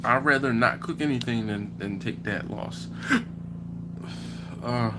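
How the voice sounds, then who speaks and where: Reading comments on his barbecue livestream, a Philadelphia man chats casually at a slow pace in a mid-range voice. The background is noisy, and he animatedly acts out back-and-forth conversations.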